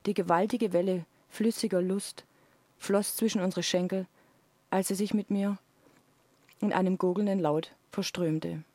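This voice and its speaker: A woman, the author, reading aloud a passage from her own erotic novel in a close, hushed reading voice. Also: medium pitch, fairly even intonation, measured pace, dry recording.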